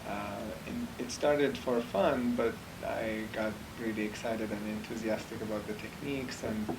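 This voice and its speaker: Man, interview answers, measured and hesitant, flat even delivery, distant mic, noisy room. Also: lowish voice. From Iraq. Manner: measured, thoughtful, many pauses and fillers. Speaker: dancer, choreographer. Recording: distant mic with clear background noise.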